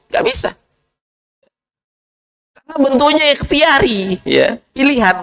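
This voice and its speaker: A man preaching a sermon, lively, asking the audience questions and answering them himself. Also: rough recording. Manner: lively, swings from low asides to high rhetorical questions.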